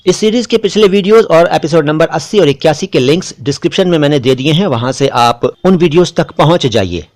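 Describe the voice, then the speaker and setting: A man, hosting a spelling lesson and explaining words slowly and carefully, letter by letter. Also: on the high side, animated, a little mellow. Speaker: Urdu language teacher.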